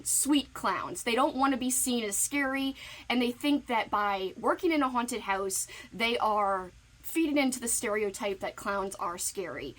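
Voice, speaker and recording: A woman's voice: fairly high pitch, fairly bright tone, poor audio. A woman booktuber giving playful, giggly book recommendations in a casual recorded message.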